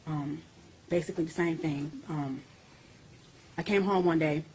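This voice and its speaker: A woman with a low-pitched, a little mellow voice speaks a little slowly with fairly even intonation in a recorded interview, the rough recording carrying a slight hiss or hum. Despite that, she's intense, blunt, and profane, and her voice rises as she gets heated.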